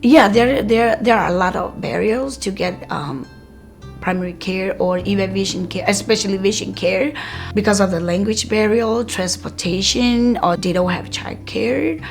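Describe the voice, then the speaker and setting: Faint, soft music sits beneath this Karenni-speaking woman from Myanmar as she responds to an interviewer about her work as a community health worker. She talks in a measured way, pausing often with "um" and "like," her mid-range voice carrying a distinct gravelly fry.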